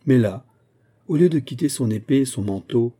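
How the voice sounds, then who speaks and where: Male audiobook narrator, measured, very dark and husky. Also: medium pitch, animated.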